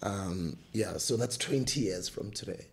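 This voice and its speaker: A man's voice: low voice, measured pace, gravelly, slightly rough. A man in his forties with a South African accent, hosting a casual interview in a small studio, playful and laughing often. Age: 40s. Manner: laughs often, playful, switches into Zulu phrases. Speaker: podcast host. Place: small studio room with table. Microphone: desk mic on boom arm.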